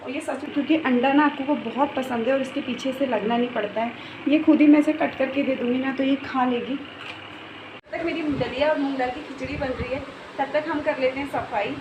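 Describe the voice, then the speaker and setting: A woman's voice: high voice, fairly even intonation, a little fast, muffled recording. A young woman talking casually through a home vlog, feeling unwell while pregnant. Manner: chatty, talks softly while child sleeps. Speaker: vlogger. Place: home, kitchen and bedroom. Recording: noisy home recording.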